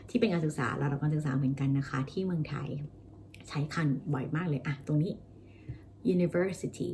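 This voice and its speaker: Woman, Thai accent, English teacher, low mellow voice, chatty, repeats words slowly, faint hiss behind. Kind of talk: casual vlog-style pronunciation lesson.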